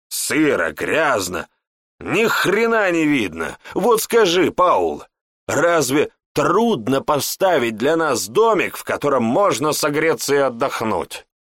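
A man's voice: fairly low pitch, fairly bright tone, no room sound, clean studio sound. A man voicing a whiny, grumbling male city guard in an audiobook. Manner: whining, complaining.

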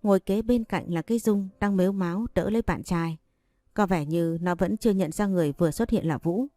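A woman narrating a story in an audiobook with steady, even delivery. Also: medium pitch, brisk, dry recording.

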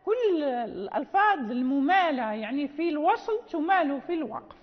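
A woman teaching Quran recitation rules, explaining slowly and repeating phrases with checking questions. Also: sits high, sing-song. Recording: dull lo-fi sound in a reverberant hall.

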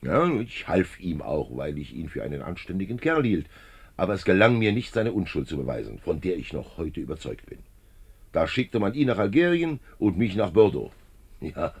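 Genial older police commissioner, 1950s German radio drama. Deep, husky, very lively melody, slyly chatty. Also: male voice, moderate pace, heavily acted. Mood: reflective, animated. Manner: jovial, chatty, sly probing with little chuckles.

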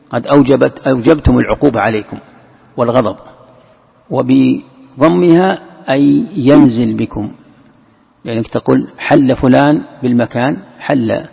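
A man with a deeply gravelly, husky voice teaches a scriptural commentary lesson. He reads a passage aloud, then explains it patiently and repeats key words. The sound is muffled and lo-fi, with a long hall echo. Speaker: Islamic scholar teaching Quran commentary.

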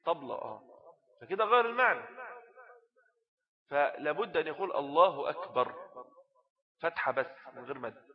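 Male Egyptian teacher, slightly high voice, explains an old text in a casual way, dull lo-fi recording. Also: big pitch swings, a little fast, long pauses. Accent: Egyptian Arabic. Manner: explains text in colloquial asides, often asks rhetorical questions. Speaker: religious teacher. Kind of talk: Islamic jurisprudence lesson.

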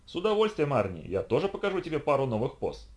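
A man's voice: fairly high pitch, wildly swooping pitch, fast talker, darkish tone, pitched above the performer's own voice. A man voicing an eager, seductive female robot.

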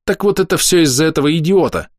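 A man's voice: fairly high pitch, lively intonation, fast talker, no room sound, studio quality, pitched above the performer's own voice, lightly acted. A man voicing a tough, blunt young female first officer who talks in a brash, indignant, coarse way in an audiobook.

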